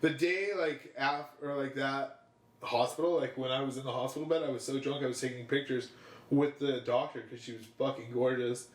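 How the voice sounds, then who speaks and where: A man's voice: medium pitch, fairly even intonation, fairly quick, echoey room. A young man co-hosting a podcast in casual chat, rambling and swearing a lot, laughing often. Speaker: podcast co-host.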